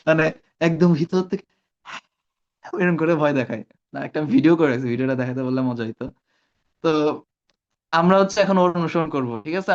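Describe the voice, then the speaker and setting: A man teaching Arabic pronunciation in an online class, drilling sounds slowly and correcting students by name. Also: a little high, dull audio. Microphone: video call.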